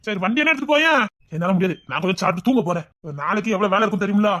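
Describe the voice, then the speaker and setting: A woman's voice: medium pitch, lively intonation, rapid-fire, a bit bright. A woman playing a bossy, protective elder relative who scolds sharply, speaking in a family drama. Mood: casual. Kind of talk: home-made family drama acting.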